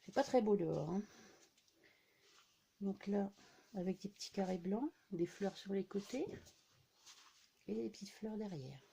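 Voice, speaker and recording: Mellow-voiced woman chatting through a haul. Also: medium pitch, a little slow, gravelly, pauses often, breathy edge. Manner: chatty, many fillers and "hein" tags. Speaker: scrapbooking vlogger. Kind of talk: casual haul show-and-tell.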